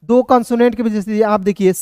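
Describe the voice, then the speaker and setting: A man's voice: sits high, steady tone, a little fast, dark tone, clean tone, dry recording, studio quality. A man teaching a casual spoken lesson, constantly calling listeners friends, asking and answering his own questions, and checking often that they understood. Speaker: English teacher.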